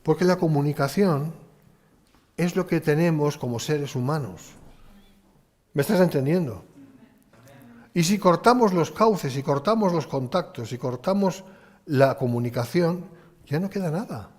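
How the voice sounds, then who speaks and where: A man's voice: fairly high pitch, expressive, unhurried, pauses often, darkish tone. A man preaching a conversational sermon, asking rhetorical questions and acting out short exchanges. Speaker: pastor. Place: church hall. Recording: church hall with long reverb.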